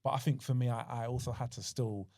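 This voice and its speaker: A man's voice: mid-range voice, steady tone, fast talker, dark tone, no echo, studio quality. A middle-aged man co-hosting a podcast, chatting casually in an encouraging, reflective way. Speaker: podcast co-host.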